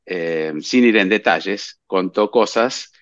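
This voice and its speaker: Guy chatting on a podcast, lively storyteller, muffled dry mic sound. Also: deep voice, slow pace, smooth, no echo. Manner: animated storyteller, chuckles often, fillers like eh. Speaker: podcast co-host. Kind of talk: casual chat.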